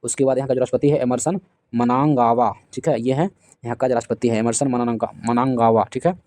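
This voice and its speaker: A man teaching an exam-prep lesson, quizzing listeners with repeated questions and slowing down to spell out names. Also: medium pitch, steady tone, darkish tone, dry recording. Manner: drills facts with repeated quiz questions. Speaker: current affairs teacher.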